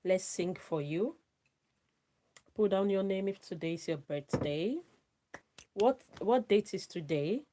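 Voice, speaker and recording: Her medium-pitched, mellow voice moves slowly, broken by long pauses, as this Nigerian live streamer chats casually. She warmly addresses listeners, repeating her thanks and giving shout-outs to names.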